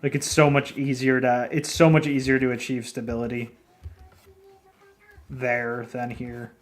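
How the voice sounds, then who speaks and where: Speaking at an unhurried pace with a medium pitch and level tone, this indie game developer chats casually with his livestream viewers and answers their messages. He is a foreigner living in Japan with a non-native Japanese accent, and his talk rambles, full of laughter and offhand swearing.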